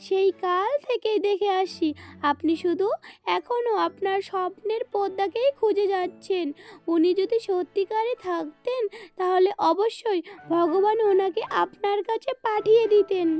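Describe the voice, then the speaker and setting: A woman's voice: very high voice, unhurried, a little mellow. A woman voicing a scolding, overworked landlord's wife in a cartoon. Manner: scolding, complaining. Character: nagging, overworked middle-aged landlord's wife. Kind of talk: cartoon voice acting. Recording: faint music underneath.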